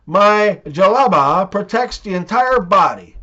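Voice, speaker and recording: A man voicing a calm old father, gently explaining to his son in a joke. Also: sits high, measured pace, exaggerated voice. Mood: patient. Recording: dull lo-fi recording.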